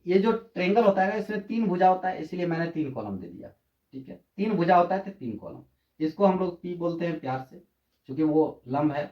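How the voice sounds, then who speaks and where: A male math teacher explaining at a digital board in a casual, repetitive way, often asking the class rhetorical questions. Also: a little high. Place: room, drawing on a digital board. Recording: echoey, dull lo-fi sound.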